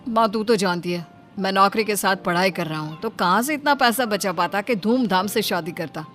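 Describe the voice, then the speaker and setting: A woman's voice: medium pitch, moderate pace, fairly bright tone, soft background music, close to an everyday voice. A woman voicing a dutiful working son of about thirty in a cartoon, who talks things through patiently. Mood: explaining. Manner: patient, reasoning. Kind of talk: cartoon voice acting.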